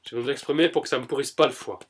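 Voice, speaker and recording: Man, mid-pitched, EFT tapping self-demonstration; short repeated first-person lines, emphatic then calmer. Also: racing. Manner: emphatic and exasperated; softer and more settled. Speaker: EFT practitioner.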